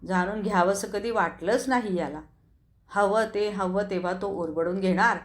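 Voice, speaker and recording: A woman's voice: medium pitch, moderate pace, close to an everyday voice. A woman reading the part of an anguished young wife, crying out in a pleading, anxious voice. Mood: despairing. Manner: pleading, anxious inner outcry.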